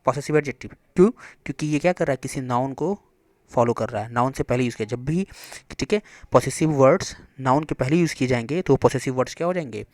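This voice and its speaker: A man teaching English grammar in Hindi, asking and answering his own questions and reading English examples slowly with an Indian accent. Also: medium pitch, a little mellow, no room sound. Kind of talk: classroom explanation.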